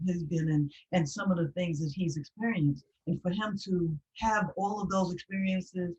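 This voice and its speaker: A woman hosting a poetry talk, explaining her purpose in an earnest, measured way with some restarts. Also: mid-range voice, darkish tone, lo-fi sound. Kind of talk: reflective conversational explanation.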